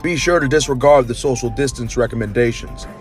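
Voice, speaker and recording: A man's voice: medium pitch, brisk, faint music behind. A man giving sarcastic, step-by-step comedic instructions. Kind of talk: comedic how-to video.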